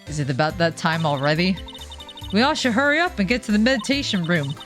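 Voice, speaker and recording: A woman's voice: fairly low pitch, expressive, fast, a bit bright. A woman voicing a brash young Southern woman photographer with a folksy drawl, faint game music behind. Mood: hurried. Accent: put-on Southern US.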